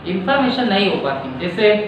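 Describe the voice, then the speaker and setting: A male teacher from India explaining a lesson slowly, using everyday examples and often checking in with his students. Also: high voice, sing-song. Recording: echoey room, distant mic, faint noise.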